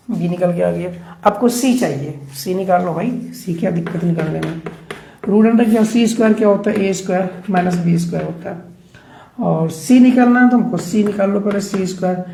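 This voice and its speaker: Gravelly maths teacher in echoey room. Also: male voice, high voice, dark tone. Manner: chatty, keeps checking in with students. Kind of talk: board lesson explaining steps. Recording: echoey room, faint background noise.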